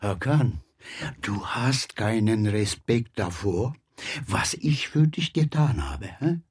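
A man playing a husky, bitter immigrant father. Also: lowish voice, animated, slow pace, darkish tone, exaggerated voice. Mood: bitter reproach. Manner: scolding, pleading, bitter. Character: weary immigrant father, proud, bitter, scolding.

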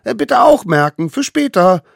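Ein Mann spielt einen winzigen eifrigen Höhlenjungen. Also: male voice, sing-song, moderate pace, gravelly, no echo, studio quality, exaggerated voice. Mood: eager. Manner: high, pleading, fussy. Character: tiny eager boy caveman hunter.

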